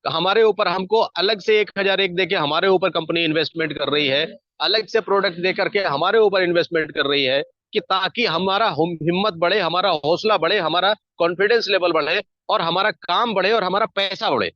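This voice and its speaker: A high-pitched man delivers an emphatic, repetitive business pep talk, stacking phrase on phrase to push his point. The sound is dry and slightly dull, like a lo-fi recording. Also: brisk, bright, forceful tone, no echo. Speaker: network marketing team leader.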